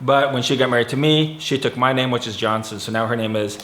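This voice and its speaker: A man's voice: medium pitch, quick pace, a bit bright, a little hiss or hum. A man, explaining things patiently and teasing his family in a casual Q&A. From California, USA. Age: 40s. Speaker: family vlogger, father. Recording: echoey room.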